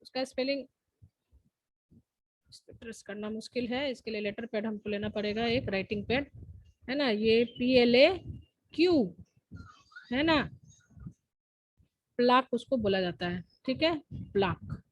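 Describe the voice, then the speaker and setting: A woman's voice: fairly high pitch, measured pace, long pauses, no echo, low-quality recording. A woman teacher giving a lesson in an online class, explaining step by step and often asking the students whether they follow. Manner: explains step by step, asks checking questions.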